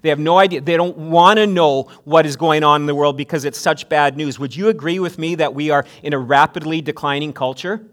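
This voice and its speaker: A man preaching from a pulpit microphone in a church sanctuary, his voice sitting a bit high for a man. He is earnest and often restarts his phrases. He builds toward emphatic preaching. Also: fairly even intonation, fairly quick, few pauses, a bit bright. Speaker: pastor. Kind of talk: sermon.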